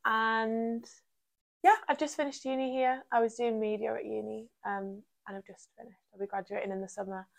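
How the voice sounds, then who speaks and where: A young woman in her early twenties chats as a podcast guest in a North East English accent from Durham. Her voice has noticeable vocal fry. She talks informally and peppers her sentences with "like". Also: a little high, fairly even intonation, moderate pace. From Durham, England. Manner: chatty, uses "like" constantly. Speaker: podcast guest, part-time model. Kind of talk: casual chat interview.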